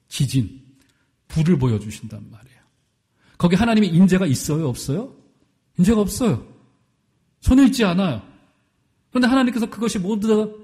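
A middle-aged male pastor preaching a sermon, asking the congregation questions and swinging between loud and soft. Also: a little high.

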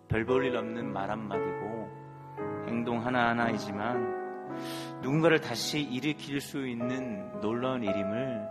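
A male pastor with a mid-pitched voice delivers an earnest sermon, speaking directly to the congregation in a church sanctuary. The recording carries the long reverb of a large hall, with faint music underneath.

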